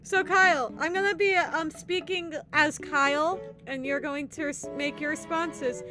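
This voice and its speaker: A woman's voice: sits high, fairly even intonation, a little slow, music in the background. A woman hosting a game show, chatty, laughing often, announcing questions and scores.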